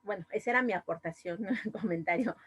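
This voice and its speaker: A woman's voice: medium pitch, brisk, breathy edge. A woman with a Mexican accent, a speech therapist giving a long, rambling comment on an online panel, full of fillers and restarts. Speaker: speech therapist, audience participant. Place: video call.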